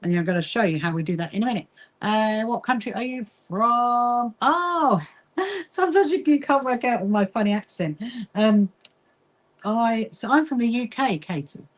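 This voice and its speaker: A south coast Englishwoman with a mixed Kentish and Sussex accent chats casually on a quilting association livestream as she sews. Her fairly high voice is expressive and moves at normal speed, and she greets viewers and responds to their comments.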